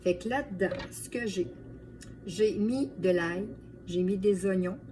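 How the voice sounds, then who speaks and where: A woman's voice: medium pitch, a little slow. Quebec French woman, distant mic, chatty cook. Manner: chatty, addresses viewers as friends. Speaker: home cook and video host. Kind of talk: casual cooking demonstration vlog. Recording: distant mic, light background noise.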